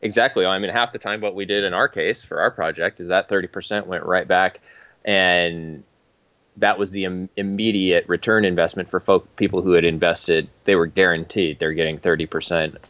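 Deep-voiced man, dry and lo-fi. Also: steady tone, normal speed, fairly bright tone, dry recording. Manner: explains at length, easygoing, with filler words. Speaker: independent filmmaker. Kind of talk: casual podcast chat.

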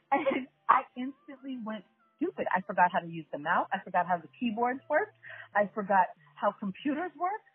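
A husky, somewhat high-voiced woman from the New York area tells stories in a lively, casual way, laughing often and turning to her listeners. She sounds thin and phone-like in a dry space with faint music behind her. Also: no echo. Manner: animated, laughing often, addresses listeners directly. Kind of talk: casual storytelling chat.

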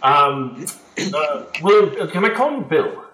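A man voicing a jolly British expedition leader with a put-on British accent, hearty and halting. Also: on the high side, very animated, sharp tone, roomy sound, soft background music, voice pushed up, heavily acted, rough recording.

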